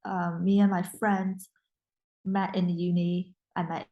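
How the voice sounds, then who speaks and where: A young woman whose first language is Mandarin appears as a guest in a casual interview, speaking English hesitantly with frequent restarts and fillers. Her voice is lowish, flat and unhurried, and the recording sounds muffled.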